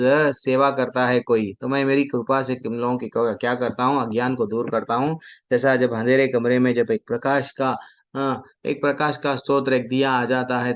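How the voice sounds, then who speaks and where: A man preaching from a devotional text. He asks questions, answers them himself, and chants verses slowly. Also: mid-range voice. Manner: mixes Hindi with English words. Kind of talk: devotional scripture talk. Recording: dull lo-fi sound.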